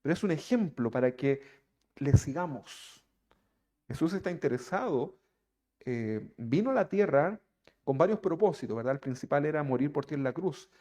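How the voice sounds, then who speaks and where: A man's voice: on the high side, expressive, moderate pace, mellow. A man preaching a sermon, who keeps asking his listeners rhetorical questions. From Chile.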